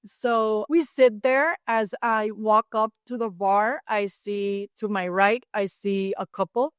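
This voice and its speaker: A woman in her fifties from Cuba, telling a personal story as a podcast guest with animated asides. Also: mid-range voice, clear, resonant tone, no room sound, clean studio sound. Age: 50s. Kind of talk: storytelling in an interview.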